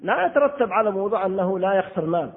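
A man's voice: high-pitched, animated, racing. A man giving an earnest religious lesson, exhorting and answering listeners' questions. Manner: earnest, exhorting, voice rises and falls widely. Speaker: Islamic scholar answering questions. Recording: tinny phone-like audio in a long-echo hall.

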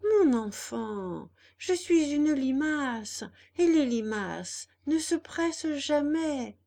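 Woman doing a slow, placid old snail. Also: high-pitched, animated, creaky, dark tone, pitched above the performer's own voice, heavily acted. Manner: drawn-out, unhurried, placid. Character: slow unhurried female snail, calm and kindly.

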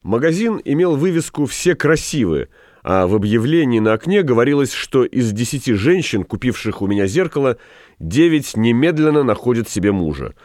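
A man's voice: medium pitch, very animated, normal speed, darkish tone, no room sound, clean studio sound, pitched above the performer's own voice, lightly acted. A man reading aloud, voicing a rueful male café owner who tells of his failed schemes in a plaintive, rambling way.

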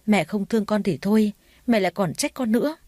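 A woman's voice: medium pitch, brisk, a little mellow, no echo, close to an everyday voice. A woman putting on a sulky, defiant young sister. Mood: resentful. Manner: petulant, talking back.

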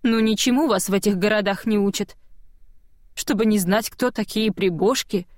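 A woman's voice: mid-range voice, moderate pace, no echo, lightly acted. Audiobook: stern old witch, a woman puts her on, dry and bossy. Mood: curt. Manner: dry, curt, commanding. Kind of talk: audiobook reading.

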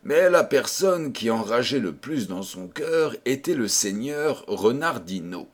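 Slow, measured male storybook narrator. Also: mid-range voice, sing-song, breathy edge. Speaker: audiobook reader. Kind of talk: scripted narration.

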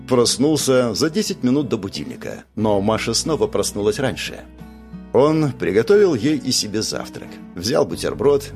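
A man narrating an audiobook and voicing the characters in a lively way. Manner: lively, shifts pitch for characters.

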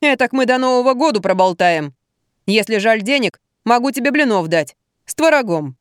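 A woman voicing a gruff, curt canteen cook. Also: on the high side, expressive, normal speed, dry recording, studio quality, lightly acted. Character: blunt middle-aged female buffet cook. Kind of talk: audiobook reading.

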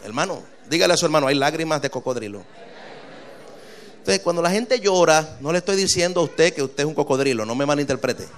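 Animated preaching man, high voice. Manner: animated preaching, rising loud on verses, quick asides. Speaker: pastor. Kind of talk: sermon.

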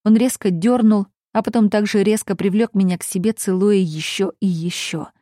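A woman narrating a romance novel in the first person with an intimate, expressive reading. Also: mid-range voice, normal speed, no room sound, clean studio sound. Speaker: audiobook narrator.

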